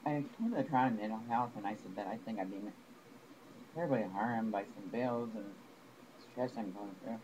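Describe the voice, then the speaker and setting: Aggrieved man rambling over a noisy recording. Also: lowish voice. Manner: rambling, aggrieved, with halting restarts. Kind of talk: personal complaint to camera.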